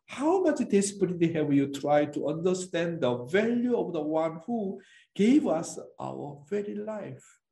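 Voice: mid-range voice, very animated, unhurried, vocal fry, warm tone. A preacher giving an impassioned sermon in broken non-native English, pleading and emphatic. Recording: echoey room.

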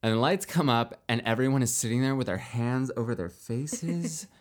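A young man telling a long story in casual chat, rambling with many fillers and restarts, lively when he quotes others. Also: medium pitch, moderate pace. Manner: animated when quoting others.

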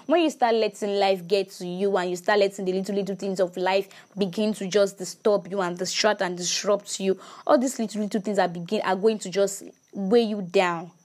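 A woman's voice: medium pitch, steady tone, normal speed, hardly any pauses, darkish tone. A woman giving a casual faith talk to her viewers, emphatic, repeating words and asking rhetorical questions.

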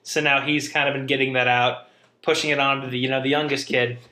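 A man's voice: mid-range voice, little pitch movement, fast, pushed and bright, roomy sound. A young man, a podcast co-host, telling family stories in casual chat, rambling and interrupting himself with laughs.

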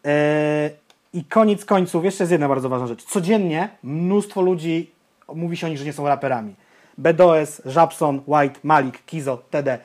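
A man's voice: fairly high pitch, moderate pace. A young man co-hosting a podcast, blunt and opinionated, ranting and swearing in casual chat. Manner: blunt, swears, ranty and animated. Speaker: podcast co-host.

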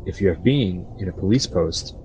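A man's voice: low-pitched, animated, moderate pace, darkish tone, slight background noise, poor audio. A man reading a scripted ghost story as a narrator.

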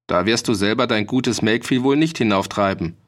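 A man's voice: on the low side, moderate pace, lightly acted. A man voicing a stern, dignified older magistrate who questions people formally. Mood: questioning.

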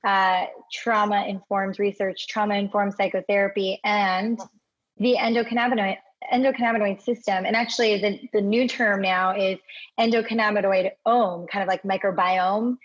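A woman's voice: mid-range voice, level tone, normal speed. A woman in her thirties from Hawaii, a guest in an interview, telling her story in a chatty way and often adding "right?" and "you know". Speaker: podcast guest. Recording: dull lo-fi audio.

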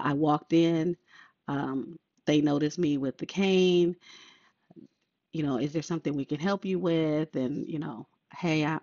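Speaking in a low, somewhat dark voice, an older female podcaster drifts through a relaxed, meandering solo talk packed with filler words. The audio is echo-free but muffled and low-fidelity.

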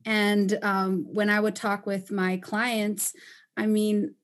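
Slow and flat in delivery, her mid-range voice belongs to a native Spanish speaker from Panama and Costa Rica. As a construction company owner guesting on a casual interview, she talks candidly and uses plenty of fillers.

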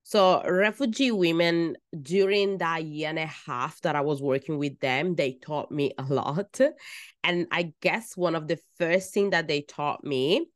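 This podcast features an Italian-accented midwife in her thirties telling her story with earnest, soft emphasis and pauses between phrases. She has a low voice, and the recording is dry with clean studio sound.

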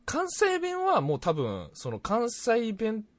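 A young man from Fukuoka with a Hakata accent, chatting casually as a podcast co-host, jumping between loud bursts and mumbled asides. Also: extremely high pitch, huge pitch swings, takes it slowly. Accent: Hakata dialect. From Fukuoka, Japan. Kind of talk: casual chat.

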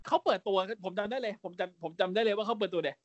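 A man in his thirties co-hosting a casual podcast chat, brash and animated, swearing freely and slipping in quick mock impressions. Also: high-pitched, no room sound, muffled recording. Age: 30s. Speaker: podcast co-host.

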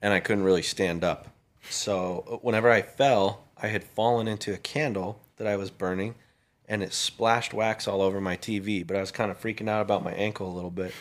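A young man hosting a podcast, telling stories in an animated way and saying "dude" a lot. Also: lowish voice, brisk. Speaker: podcast host. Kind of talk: casual chat.

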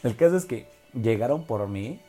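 A man's voice: medium pitch, expressive, moderate pace, warm tone, slightly rough, soft background music. A young man from Oaxaca with a Mexican Spanish accent, telling a personal story in a casual, slangy way with many fillers and tag questions.

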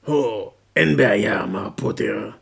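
A man voicing a nervous, eager-to-please male newsstand vendor in an audiobook reading, in a slow, halting, raspy voice. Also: fairly low pitch, wildly swooping pitch, exaggerated voice. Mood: flustered. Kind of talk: audiobook character voice.

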